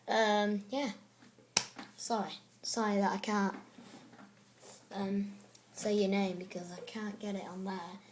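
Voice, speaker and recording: A woman's voice: on the high side, reverberant. A young girl talking casually to viewers as the host of a challenge video. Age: child. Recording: clearly noisy home recording.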